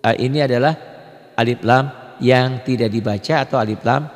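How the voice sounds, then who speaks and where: A man's voice: mid-range voice, steady tone, moderate pace, long reverb tail. A man teaching Quran recitation rules to beginners, explaining patiently, repeating points and asking rhetorical questions. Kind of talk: tajwid lesson for beginners.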